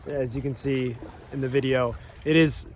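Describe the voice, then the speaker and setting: A man talks casually to viewers as a sailing vlogger, at an average pitch. He is outdoors on a moving boat, with clear water and boat noise around his voice. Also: steady tone, moderate pace. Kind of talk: casual narration to camera. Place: outdoors on a sailboat under way.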